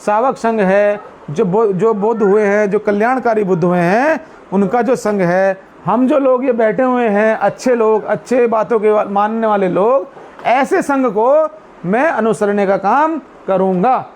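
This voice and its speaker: A man speaking to a seated community meeting about Buddhist teachings, putting questions to his listeners and answering them himself, and chanting Pali verses slowly. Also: sits high, darkish tone. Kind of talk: explanatory talk to a seated group.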